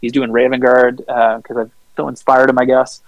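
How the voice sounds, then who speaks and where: Gravelly-voiced laid-back podcast guy. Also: medium pitch, flat delivery, normal speed, dry recording, dull audio. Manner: rambling, laid-back, swears freely with many fillers. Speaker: podcast co-host. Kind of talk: casual storytelling chat.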